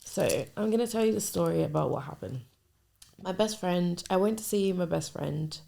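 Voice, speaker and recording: Low gravelly-voiced woman in her twenties. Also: normal speed, dark tone. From Nigerian family. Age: 20s. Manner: candid, hesitant, trails off and restarts. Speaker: podcast host. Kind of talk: personal storytelling, casual confessional.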